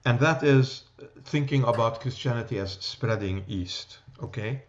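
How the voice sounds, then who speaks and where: A man's voice: mid-range voice, a little slow, muffled recording. A man with a New York accent teaching an adult church class, talking loosely and checking in with "okay?" and "right?". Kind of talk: church class lecture with discussion.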